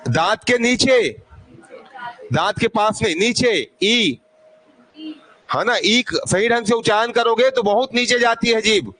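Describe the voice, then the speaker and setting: High-voiced man teaching a slow classroom lesson. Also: bright, forceful tone, rough recording. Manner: quizzing students with repeated questions and prompts.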